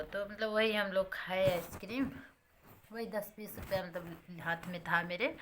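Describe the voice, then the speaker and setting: A woman's voice: mid-range voice, a bit bright, a little hiss or hum. A young woman, recounting a personal story to her viewers in a plain, repetitive way and calling them friends. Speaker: vlogger.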